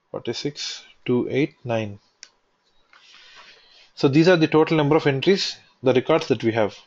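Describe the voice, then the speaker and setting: A man talks through a software tutorial at a middling pitch, restating each point step by step. The recording is dull and lo-fi, with faint clicking behind him. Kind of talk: screen-recorded technical walkthrough.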